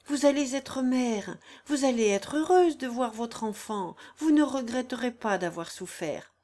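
A woman voicing a gentle young woman who pleads earnestly. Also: a little high, expressive, unhurried, voice pushed up. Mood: pleading.

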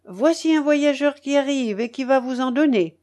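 A woman's voice: high-pitched, normal speed, a little mellow, voice pushed up, close to an everyday voice. A woman voicing a kindly, talkative old peasant man on crutches in an audiobook, fatherly and bustling. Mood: eager. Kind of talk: audiobook character reading.

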